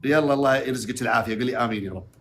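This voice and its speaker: A man, a sheikh giving advice to a caller in a lively, teasing, quick way. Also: medium pitch, noisy background. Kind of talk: live call-in advice.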